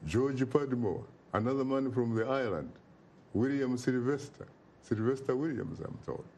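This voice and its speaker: Speaking at a moderate pace in a medium-pitched, somewhat mellow voice, this Ugandan interview guest talks with emphatic, speech-like passion and repeats phrases for effect. A faint hiss or hum runs under the recording.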